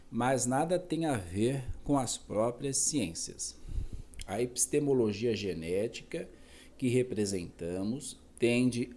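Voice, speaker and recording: A man reads a dense academic text at a slow, deliberate pace. His voice is dark and mellow, with an even, average pitch. He stops now and then to correct a word or to add a quick aside. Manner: slow, careful reading with self-corrections and asides. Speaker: reader. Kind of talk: reading a philosophy text aloud.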